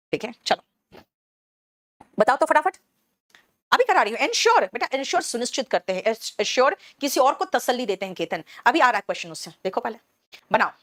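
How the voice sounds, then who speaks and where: A woman from Bihar teaching English words in a live online class, briskly and in a motherly way, switching to English terms and answering students' questions as she goes. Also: high-pitched, fairly bright tone, dry recording, studio quality. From Bihar, India. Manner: explains English words in Hindi, switching between the two.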